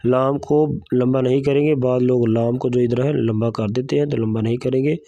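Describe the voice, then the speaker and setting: A man teaching Quran recitation. He chants each verse slowly and draws it out, then gives quick spoken pointers on pronunciation. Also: medium pitch, steady tone, mellow, dry recording, highs cut off. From South Asia. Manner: alternates slow drawn-out chanting with brisk spoken instructions. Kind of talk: recitation lesson with spoken explanations.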